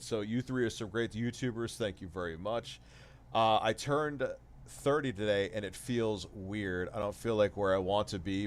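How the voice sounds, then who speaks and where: A man in his forties hosting a casual livestream chat, reading viewer messages and ranting with lots of swearing. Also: fairly low pitch. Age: 40s. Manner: swears a lot, animated rants.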